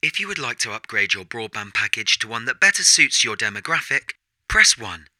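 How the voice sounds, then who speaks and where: A man voicing a smug automated phone menu for a comedy sketch, sounding flat and patronizing. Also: mid-range voice, fairly quick, no echo. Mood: mock polite.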